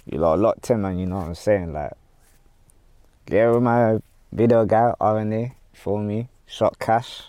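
A man's voice: fairly low pitch, measured pace, mellow, no echo. A man with a London roadman accent, chatting casually as a podcast guest in heavy street slang full of tag phrases. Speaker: podcast guest, music artist.

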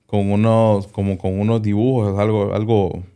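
A man's voice: on the low side, little pitch movement, normal speed, warm tone, smooth. A man, a doctor, telling a personal story in an interview, hesitating and often repeating small words as he goes.

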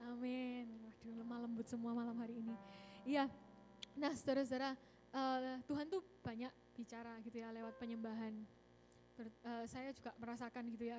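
Chatty high-voiced woman preaching. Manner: chatty, animated, mixes English words, often says "saudara-saudara". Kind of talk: casual youth sermon. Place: church service.

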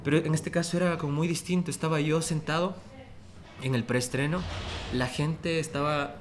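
A young man telling stories in a relaxed, slangy way during a casual podcast chat in a bar. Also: a little high, moderate pace, a little hiss or hum. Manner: laid-back storytelling, slangy. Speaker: musician guest. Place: bar, indoors.

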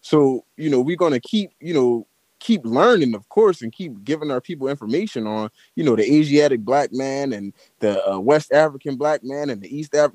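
A man's voice: fairly high pitch, a little mellow, dry recording. Blunt, profane American man debating. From United States. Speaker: participant in an audio chat room. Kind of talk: heated casual debate.

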